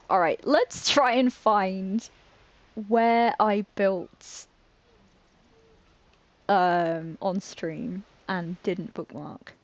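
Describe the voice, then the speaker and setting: British woman, live-streaming a game, casual chat, laughs easily, stumbles over words, average pitch, dull lo-fi sound. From Britain. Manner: chatty, giggly, self-mocking, trips over words.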